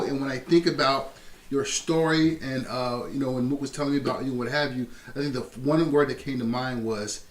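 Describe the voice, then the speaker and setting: A man hosting a podcast interview, asking questions with halting repeats. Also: medium pitch, echoey room, recorded from a distance. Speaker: podcast host.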